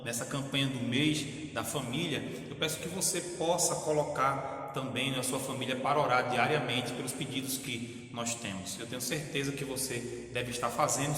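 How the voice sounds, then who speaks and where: A pastor, a man, prays fervently, dropping "Senhor" and "ó Pai" between phrases. His voice sits at an ordinary pitch. It rings in a very echoey room with a long reverb tail. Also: a bit bright. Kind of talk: closing prayer and announcements.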